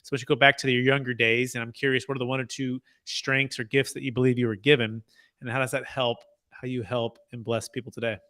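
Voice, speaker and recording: A man's voice: medium pitch, flat delivery, fast talker, pushed and bright. A man hosting an interview podcast, upbeat and encouraging toward his guest. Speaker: podcast host.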